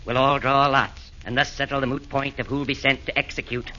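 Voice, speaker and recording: In a muffled 1940s radio comedy broadcast, an actor voices the sly, pompous chairman of a council of fiends, speaking in sing-song rhymes. His medium-pitched voice is level, bright and forceful and a little fast, with slight background noise.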